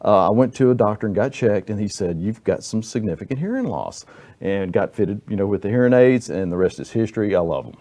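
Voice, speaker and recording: A man's voice: lowish voice, animated, a little fast, dark tone. A man on a talk show earnestly sharing his own experience of getting hearing aids. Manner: earnest personal testimony. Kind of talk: casual talk show chat.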